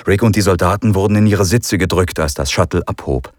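A man narrating an audiobook in an expressive, dramatic way. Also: sits low, fairly quick, no echo, studio quality.

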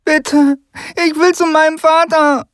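A man voicing a terrified, crying young boy who pleads in a high, strained voice. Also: level tone, slow pace, fairly bright tone, no echo, clean studio sound, full character voice. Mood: desperate pleading. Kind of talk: audiobook character voice.

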